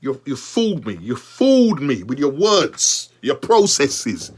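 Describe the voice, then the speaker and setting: A young man reviewing a football match as a fan, exasperated and animated, repeating himself and talking straight to the manager. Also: mid-range voice, unhurried, husky. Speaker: football fan channel host.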